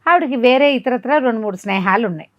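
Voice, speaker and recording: This woman's voice is a little high and fast, and the audio is dull with no room sound. Conversationally telling a listener a folk tale, she acts it out as she goes, animatedly voicing the quoted dialogue as the storyteller.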